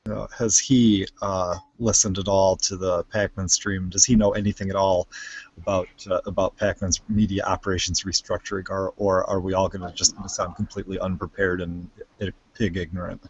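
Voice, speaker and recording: A man's voice: low voice, level tone, moderate pace, breathy edge, lo-fi sound. A man chatting casually as co-host of a live stream, rambling with lots of restarts and fillers, recorded on a home computer mic. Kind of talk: casual chat.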